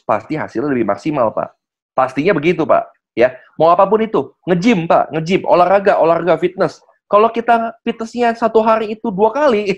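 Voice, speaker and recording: A man, guest speaker in a casual online presentation, who acts out sales dialogues and keeps addressing the listener politely. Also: high-pitched. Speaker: guest speaker on network marketing. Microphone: video call. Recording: muffled online call audio.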